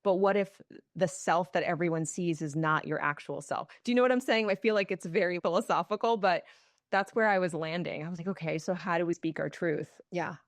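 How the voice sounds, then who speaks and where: A woman's voice: fairly low pitch, a little fast, dry recording, clean studio sound. A woman hosting a podcast conversation, earnest and musing, asking open, searching questions. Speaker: podcast host.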